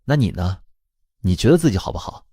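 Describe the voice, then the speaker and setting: A man's voice: low-pitched, sing-song, a little fast, warm tone, slightly rough, dry recording, studio quality, heavily acted. A man voicing a cold, blunt older sister who talks in a cool, matter-of-fact way.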